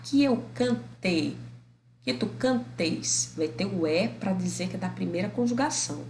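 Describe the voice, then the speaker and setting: A woman with a Brazilian Portuguese accent teaching a grammar lesson, affectionate with viewers and stretching out example words slowly to show the stress. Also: medium pitch, gravelly, roomy sound, slight background noise, rough recording. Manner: affectionate, addresses viewers as "meu amor".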